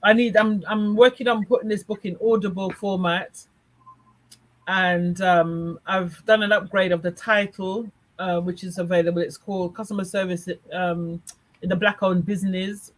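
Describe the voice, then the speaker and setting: A woman's voice: mid-range voice, fairly even intonation, moderate pace, low-quality recording. Chatty woman guest, laughing often. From Jamaica. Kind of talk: casual chat.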